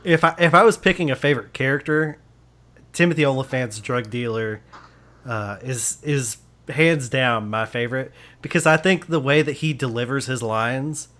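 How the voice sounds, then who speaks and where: A male podcast host chats casually about movies in a film review show, enthusiastic, laughing often and restarting sentences. His voice is medium-pitched and a bit bright, at a moderate pace.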